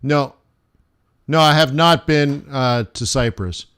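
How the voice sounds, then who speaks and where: A man's voice: medium pitch, slow pace, a bit bright, clear, resonant tone. A man hosting a live trading stream, chatting casually with viewers in a rambling, loose and friendly way. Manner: rambling, loose and chummy, many restarts. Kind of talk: casual livestream chat answering viewers.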